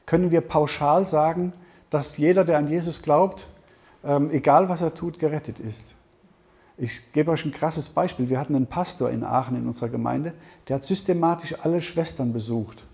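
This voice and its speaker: A man giving a conversational Bible seminar talk, often checking in with the audience with a quick "ja?". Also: on the high side, creaky, darkish tone. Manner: conversational, keeps asking "ja?". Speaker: Bible teacher. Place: seminar hall with audience questions.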